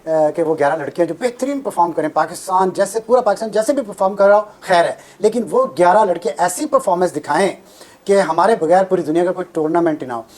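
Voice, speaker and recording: A woman's voice: fairly low pitch, fast, darkish tone. A woman from Pakistan earnestly lecturing as a panelist on a TV show. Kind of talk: TV panel commentary.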